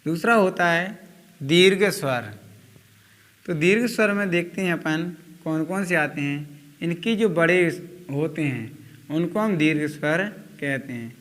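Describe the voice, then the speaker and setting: Give me a male coaching-class teacher. He talks very slowly, pulling each vowel sound out long and deliberately, and his voice is bright and a little high. The sound has a long hall reverb. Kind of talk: slow spoken grammar lesson.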